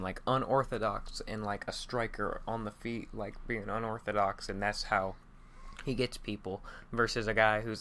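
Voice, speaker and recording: A young man with a somewhat low voice chatting about fights on a podcast. He is blunt and swears freely, jumping in with quick reactions. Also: sharp tone. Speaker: podcast co-host. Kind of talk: casual sports chat.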